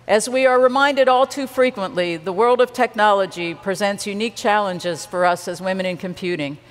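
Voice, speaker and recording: A woman in her sixties gives a formal, measured speech from a podium on a large conference stage, wearing a headset mic. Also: medium pitch. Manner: measured, deliberate reading from a podium. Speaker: awards presenter. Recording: long hall reverb.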